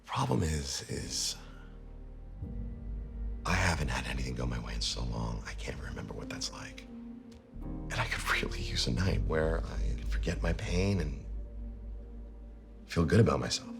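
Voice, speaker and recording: A flustered, very deep-voiced law partner. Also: male voice, animated, normal speed, gravelly, over music, exaggerated voice. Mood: downcast. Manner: flustered, voice jumping up when rattled. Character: anxious fussy male law partner.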